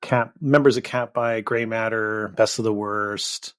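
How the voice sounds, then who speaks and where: A man's voice: fairly low pitch, fairly even intonation, unhurried, a bit bright, clean tone. A man hosting a podcast, asking casual interview questions in a hesitant, roundabout way.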